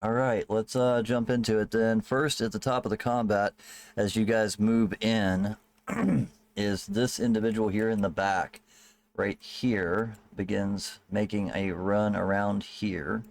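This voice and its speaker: Low-voiced man GM, relaxed, profane, chatty. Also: unhurried, gravelly. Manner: loose, swearing, laughing asides. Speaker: game master. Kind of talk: casual tabletop game narration.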